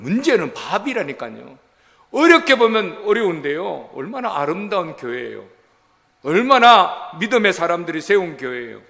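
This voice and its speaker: A middle-aged man preaches in a folksy, animated way, slipping into little acted quotes. His voice sits high, with a gravelly edge and a bright, forceful tone. It rings with the long reverb of a church sanctuary. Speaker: pastor. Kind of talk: sermon.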